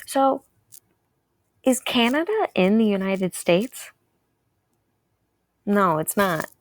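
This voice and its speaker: A woman's voice: mid-range voice, lively intonation, takes it slowly, dry recording. A woman from Texas, teaching a recorded math lesson, patient and repeating key ideas to her viewers.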